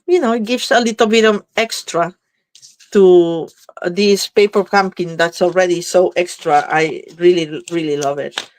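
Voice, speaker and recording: In a dry recording, a woman with a fairly low pitch and a touch of congestion demonstrates card making live. Her talk is casual, a running stream of thoughts as she works.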